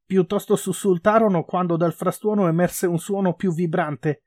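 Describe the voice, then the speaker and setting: A man's voice: high voice, steady tone, normal speed, darkish tone, no room sound, clean studio sound. A man reading a novel aloud expressively, then commenting on it. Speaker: reader.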